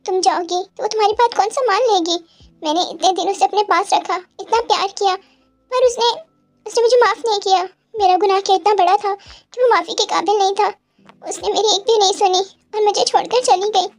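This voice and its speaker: A woman's voice: very high voice, brisk. A woman voicing a heartbroken young mafia boss man who cries as he talks, in a Hindi audio story. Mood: wounded. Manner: tearful, pleading delivery.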